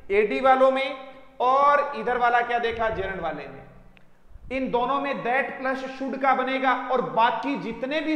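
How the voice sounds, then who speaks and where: A man's voice: very high-pitched, a bit bright. A man teaching English grammar to students in Hindi, calling them dear children and quizzing them with repeated questions. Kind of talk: classroom lesson. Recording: echoey room with long reverb.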